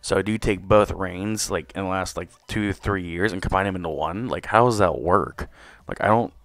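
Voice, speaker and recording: Male podcast host with a deep voice, slightly hoarse, loose rambling delivery, dry sound. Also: normal speed, a bit bright, no room sound. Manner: rambling, profane, with many fillers. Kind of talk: casual solo show review.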